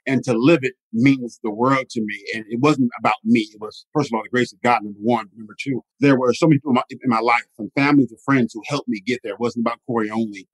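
A middle-aged man telling his life stories in an interview as a motivational speaker, animated and often asking "right?". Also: mid-range voice, fast talker, hardly any pauses, no echo, poor audio. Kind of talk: storytelling interview.

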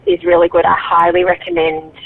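A woman's voice: on the low side, monotone, fairly quick, creaky, husky. An Australian woman calling in from her car, leaving a hesitant voicemail recommendation over a phone line, with plenty of ums and restarts. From Victoria, Australia. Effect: heard over a phone line. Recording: tinny phone line with faint noise.

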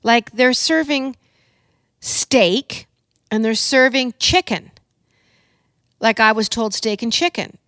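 A woman's voice: fairly high pitch, slow, long pauses, a bit bright, no echo, clean studio sound. A Canadian woman co-hosting a podcast from her home kitchen, chatting casually and telling stories with playful asides. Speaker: podcast co-host. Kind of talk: casual chat.

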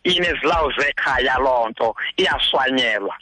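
A man's voice: mid-range voice, normal speed, sharp tone, slight background noise. A man with a Xhosa accent, explaining traditional custom as a guest expert on talk radio.

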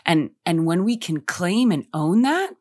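A woman's voice: lowish voice, animated, measured pace, a little mellow, no echo. A woman guest in a casual spiritual conversation, reflective and emphatic, often repeating her phrases. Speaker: podcast guest.

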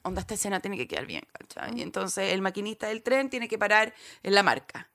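A young Chilean woman co-hosting a podcast, telling a story in casual chat with quick asides and laughter. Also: medium pitch, very animated, a bit bright. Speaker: podcast co-host.

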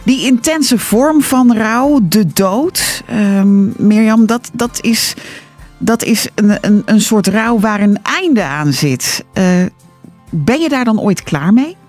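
A woman hosting a radio interview, asking calm, probing questions. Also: mid-range voice, slow, soft background music. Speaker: radio host.

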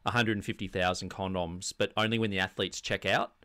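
A man with a broad Australian accent co-hosting a comedy podcast, delivering casual satirical banter with a deadpan, mock-serious manner. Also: deep voice, a little fast, dry recording, clean studio sound. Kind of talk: casual satirical banter about sports news.

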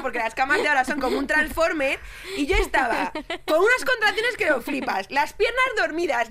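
Madrid woman, chatty storyteller, crisp bright tone, swears freely. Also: extremely high pitch, slight background noise. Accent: Madrid Spanish. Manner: swearing, laughing, acting out quotes. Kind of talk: casual chat, animated storytelling.

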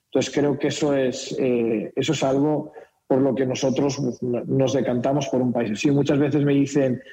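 A Spanish company director speaks as a guest on a radio interview, explaining his business in a mid-range, level, warm voice at normal speed. His Castilian accent carries a slight Mexican mix, and he repeats himself often and leans on tag questions. The recording quality is low.

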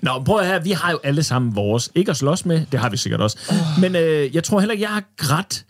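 A man's voice: on the high side, sing-song, a little hiss or hum. A young man hosting a casual studio podcast, playful and teasing, laughing often. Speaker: podcast host. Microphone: studio mic.

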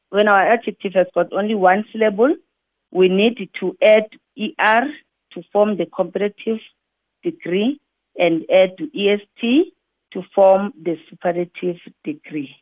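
A woman teacher patiently explaining grammar rules to learners, repeating each example slowly, syllable by syllable. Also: fairly low pitch, no echo. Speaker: English teacher. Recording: tinny phone-like dry recording.

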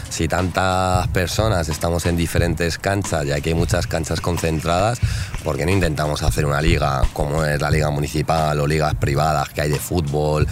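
A man talking casually in an interview at an outdoor court, relaxed and chatty with many fillers. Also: very deep voice, background noise. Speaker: interviewee, league co-founder.

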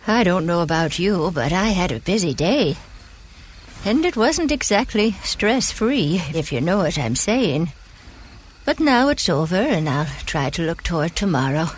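A woman playing a kindly, folksy, devout elderly granny in a gentle, unhurried bedtime sleep story. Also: lowish voice, big pitch swings, slightly rough, exaggerated voice. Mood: folksy, welcoming. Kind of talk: scripted sleep story narration in character.

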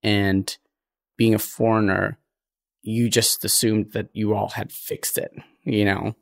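A young adult man from Ethiopia, a podcast guest talking in an earnest, reflective way with frequent pauses. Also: on the low side, flat delivery, vocal fry. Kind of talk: conversational interview.

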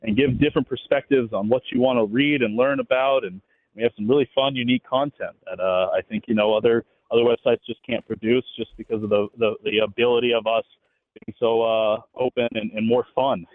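Phone-quality male radio guest, a sports writer talking quickly and casually. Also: mid-range voice, steady tone. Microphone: phone call into radio show. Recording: tinny narrow phone line.

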